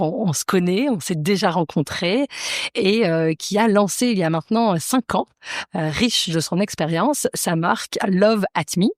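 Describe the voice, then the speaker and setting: A woman's voice: mid-range voice, no room sound, studio quality. A Belgian French-speaking woman hosting a podcast interview, friendly and hesitant, with many fillers. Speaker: podcast host and business coach. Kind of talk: casual interview chat.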